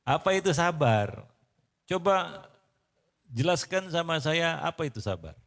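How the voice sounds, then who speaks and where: A man's voice: a little high, big pitch swings, measured pace, vocal fry, fairly bright tone. A man giving a casual sermon to a congregation, bantering, quizzing his listeners and laughing often. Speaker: preacher. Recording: long reverb of a hall.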